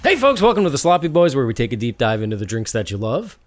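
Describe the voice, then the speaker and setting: A man's voice: mid-range voice, sing-song, fast, soft background music. A man co-hosting a casual podcast, upbeat and playful as he banters. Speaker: podcast co-host. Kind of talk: casual chat.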